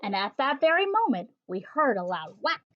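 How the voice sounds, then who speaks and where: A woman at home reading a rhyming picture book aloud, with an animated, rhythmic delivery. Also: sits high, moderate pace, a little hiss or hum. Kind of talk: expressive read-aloud of a rhyming storybook. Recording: dull, dry home recording.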